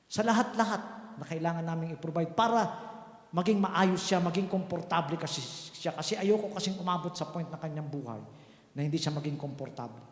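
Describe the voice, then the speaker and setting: High-voiced pastor in an echoey hall. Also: male voice, brisk. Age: 50s. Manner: conversational preaching, rhetorical questions to the congregation. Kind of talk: sermon. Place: church hall.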